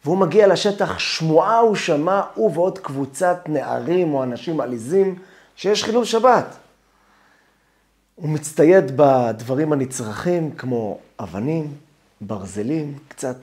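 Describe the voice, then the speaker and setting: Animated, higher-voiced male rabbi preaching. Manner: animated, dramatic storytelling with acted quotes. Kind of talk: sermon on the weekly Torah portion.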